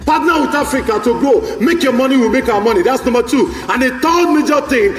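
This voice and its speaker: A man with an extremely high, lively voice speaks briskly to a live forum crowd in a large hall. His speech is rousing and repetitive, full of exhortation and calls to the audience. The hall is echoey and his voice sounds distant.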